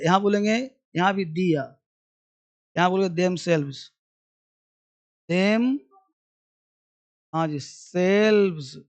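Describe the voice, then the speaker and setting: A man teaching a class, repeating English sounds and pronouns with an Indian accent for students to copy and giving brisk instructions. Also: sits high. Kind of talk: classroom pronunciation drill.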